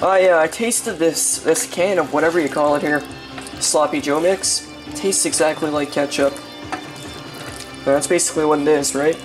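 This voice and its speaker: A man's voice: on the high side, normal speed. A young man chatting casually while cooking in his home kitchen, rambling with lots of fillers and the odd swear word. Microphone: handheld camera mic. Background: music playing in the kitchen.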